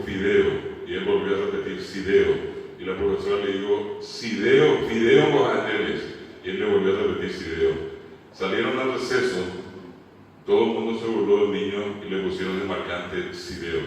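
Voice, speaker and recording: Man, Paraguayan Spanish accent, lower voice, lecturing, demonstrative, booming hall reverb, distant mic. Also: a little hiss or hum. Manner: demonstrative, acts out how people mispronounce words. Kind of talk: symposium lecture. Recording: echoey hall mic from far off.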